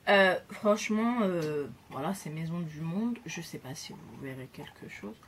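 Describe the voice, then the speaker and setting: A woman's voice: low voice, lively intonation, a little hiss or hum. Young woman chatting through a gift haul. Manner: chatty and enthusiastic, hesitant pauses. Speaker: beauty vlogger. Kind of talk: casual gift haul chat.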